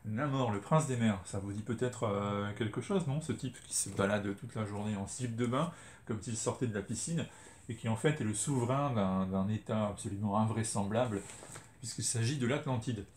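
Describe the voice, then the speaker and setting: A man's voice: lowish voice, moderate pace, a little mellow. A middle-aged man from France, casually reviewing comics as a video host, chatty with many fillers and self-corrections. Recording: roomy echo, faint ambient noise.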